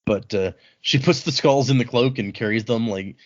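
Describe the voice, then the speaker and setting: In lo-fi sound, a man with a mid-range voice speaks at a moderate pace as he leads a book read-along on a podcast he co-hosts. His retelling is casual and colloquial, with bits of dialogue voiced in paraphrase.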